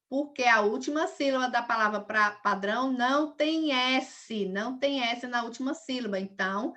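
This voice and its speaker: A woman teacher talks through a recorded lesson for young pupils. Her voice sits a little high and sounds bright and forceful. She goes over every example patiently, one step at a time. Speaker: primary school teacher.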